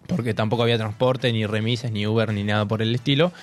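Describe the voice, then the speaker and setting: Rioplatense radio man, animated storyteller. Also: lowish voice, fast, faint music behind. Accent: Rioplatense Spanish. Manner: animated storytelling, laughing through it. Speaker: radio co-host. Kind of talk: casual radio chat. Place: radio studio.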